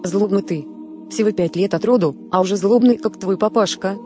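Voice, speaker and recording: A woman voicing a drunk, grumbling village mother who is hungover and cold, in a snappish, groggy way, with a dark, mellow tone. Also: mid-range voice, normal speed, soft background music, close to an everyday voice.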